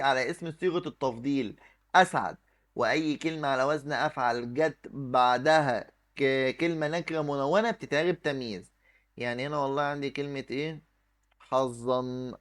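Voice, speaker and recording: A man with an Egyptian accent teaching an exam review lesson, explaining step by step and answering his own questions while he writes on the screen. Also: a little high. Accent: Egyptian Arabic. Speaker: Arabic teacher.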